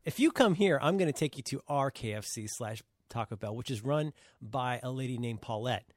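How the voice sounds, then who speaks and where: A man co-hosting a podcast, telling stories in a laughing, animated way and swearing freely. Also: mid-range voice, brisk, dry recording, studio quality. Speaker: podcast co-host. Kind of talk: casual chat.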